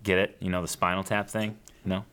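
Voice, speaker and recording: A man hosting a podcast about acoustic guitars, upbeat and excitable, with jokes at his own expense. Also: low voice, brisk, smooth. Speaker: podcast host. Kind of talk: enthusiastic show hosting.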